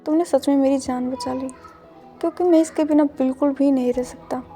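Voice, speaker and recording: A woman's voice: high voice, fairly even intonation, brisk, mellow, faint music behind, lightly acted. Woman voicing a grateful young groom.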